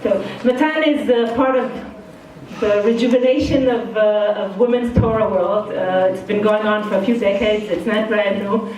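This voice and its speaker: A woman's voice: medium pitch, steady tone, normal speed, a little mellow, slight background noise. A middle-aged woman from Israel with an accent that is part Israeli and part Brooklyn, speaking frankly and casually as a guest speaker to students in an indoor study hall. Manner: frank, casual, self-deprecating. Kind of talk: informal talk to students. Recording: very echoey hall, far from the mic.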